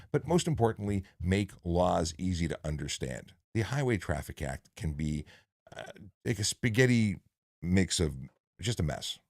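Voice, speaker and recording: A man's voice: low-pitched, vocal fry, darkish tone, dry recording, studio quality. A man, a former traffic cop hosting a casual live question-and-answer stream, chatty and jokey. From Canada. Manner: chatty, jokey, filler-heavy. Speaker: livestream host, former traffic police officer.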